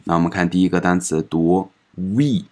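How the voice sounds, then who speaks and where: A man teaching a recorded pronunciation lesson, patiently explaining and saying each example word several times in a drawn-out way. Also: deep voice, fairly even intonation. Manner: patient explaining, ends phrases with soft particles. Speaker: French language teacher.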